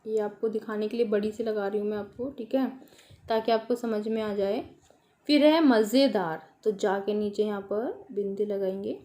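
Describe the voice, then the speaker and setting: A woman's voice: mid-range voice, fairly even intonation, moderate pace, warm tone. A woman teaching a children's worksheet lesson, asking and answering her own questions and spelling out words with careful pronunciation. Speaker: primary school teacher.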